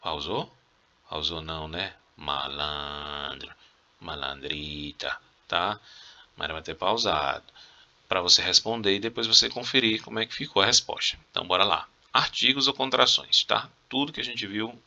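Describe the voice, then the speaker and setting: A male Spanish teacher with a Brazilian Portuguese accent giving a recorded review lesson, explaining slowly and checking in with his students, coughing now and then. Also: fairly low pitch, vocal fry, sharp tone, muffled recording. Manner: explains slowly, checks in with "tá?" and "beleza?", playful teasing.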